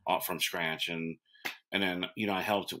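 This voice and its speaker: Deep-voiced chef in his forties, rambling. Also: fairly even intonation, moderate pace, bright, forceful tone. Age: 40s. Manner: rambling, many restarts and fillers. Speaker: restaurant owner and chef. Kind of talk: casual interview.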